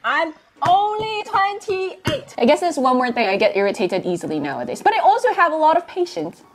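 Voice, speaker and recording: This twenties vlogger talks brisk and very animated in a high-pitched voice, giggling and bubbly as she sings bits and repeats phrases. She's indoors in a small apartment room, wearing a clip-on mic for a casual chat.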